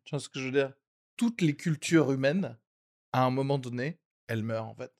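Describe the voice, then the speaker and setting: A man co-hosting a casual podcast, reasoning his points out loud with lots of fillers. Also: mid-range voice, a little fast. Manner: reasoning aloud, fillers like en fait. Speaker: podcast co-host. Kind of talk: casual chat.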